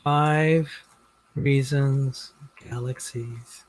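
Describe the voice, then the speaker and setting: A man's voice: mid-range voice, fairly even intonation, very slow. A man in a casual video-call conversation about creation and science who often stops and repeats words as he restarts. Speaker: guest in a debate on creation and science.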